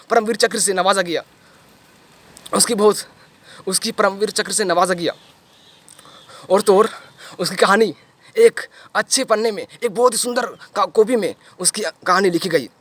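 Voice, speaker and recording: High-voiced young man, dramatic monologue. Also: fairly bright tone. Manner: repetitive, emphatic storytelling with sudden swells and drops. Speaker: actor performing an audition monologue.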